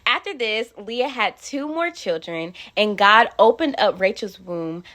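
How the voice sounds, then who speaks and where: A woman's voice: mid-range voice, animated, unhurried, fairly bright tone. A woman hosting a faith-based channel, talking earnestly and tenderly to her viewers about a Bible story, at times close to tears. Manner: earnest, tender, sometimes emotional. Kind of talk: heartfelt devotional talk to camera.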